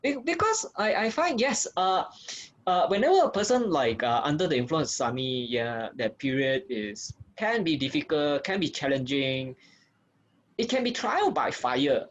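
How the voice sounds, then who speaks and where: A man's voice: fairly high pitch, sing-song, normal speed, lo-fi sound, slight background noise. A man with a Singaporean accent in casual conversation, often repeating words and hesitating as he goes. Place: online group call.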